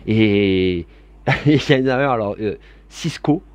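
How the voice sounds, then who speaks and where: A man's voice: fairly low pitch, slow, clear, resonant tone, no echo. Man for a casual tabletop rules video: rambling, giggly, talking straight to his subscribers. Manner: rambling, chatty, laughs often, many digressions; warm and grateful toward viewers. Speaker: board game YouTuber. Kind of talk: casual rules explanation to camera.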